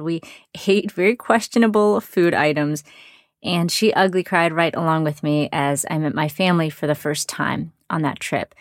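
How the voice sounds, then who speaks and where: A woman with a slightly low voice in a dry, close recording hosts a podcast. She speaks informally and effusively, with a self-deprecating sense of humor. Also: no room sound. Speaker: podcast host. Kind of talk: upbeat conversational podcast introduction and interview.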